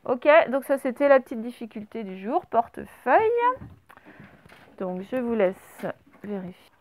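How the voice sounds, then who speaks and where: High-voiced patient woman teacher. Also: unhurried, darkish tone. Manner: patient, spells words out letter by letter. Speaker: primary school teacher. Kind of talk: remote spelling dictation lesson for children. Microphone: camera.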